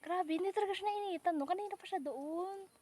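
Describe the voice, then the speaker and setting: A woman's voice: extremely high pitch, a little fast, mellow, a little hiss or hum. A young woman chatting playfully in a casual outdoor vlog by rice fields, joking and teasing as she talks. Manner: chatty, playful, mixes Tagalog and English. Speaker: vlogger.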